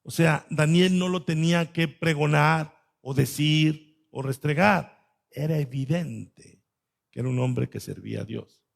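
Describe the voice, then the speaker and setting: A man preaching a sermon, swinging between loud stresses and soft asides. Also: a little high, unhurried, creaky. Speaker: pastor.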